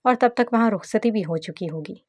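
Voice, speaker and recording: A woman's voice: mid-range voice, a little fast, no echo, lightly acted. A woman voicing a playful, devoted young husband in a read-aloud novel. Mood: teasing. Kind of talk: scripted novel narration with acted dialogue.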